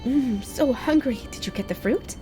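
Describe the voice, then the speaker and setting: A woman's voice: expressive, normal speed, music in the background. A woman voicing a playful, mischievous female pixie from a fantasy game, with an airy, theatrical and lofty manner toward mortals. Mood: playful, teasing. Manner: airy, theatrical, addresses listeners as lowly mortals.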